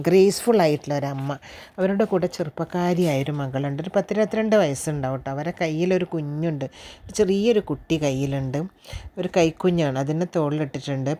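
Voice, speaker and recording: An older woman telling a personal story in casual, chatty talk to her listeners. She sounds unwell and keeps clearing her throat. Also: sits low. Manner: chatty, addresses listeners warmly with tag words. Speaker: vlogger.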